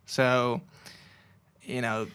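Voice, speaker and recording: A relaxed male co-host in casual conversation, his voice sitting at a middle pitch. He talks in an easygoing way, with plenty of filler words as he works out his thoughts. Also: very slow, smooth. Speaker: podcast co-host. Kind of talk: casual chat.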